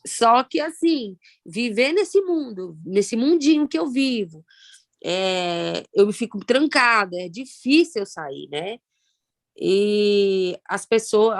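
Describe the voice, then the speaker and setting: In her thirties, a Brazilian woman with a Brazilian Portuguese accent shares her own story of loss as a guest, an emotional personal testimony told haltingly and reflectively with many pauses and fillers. Her voice is mid-range, and there is no echo.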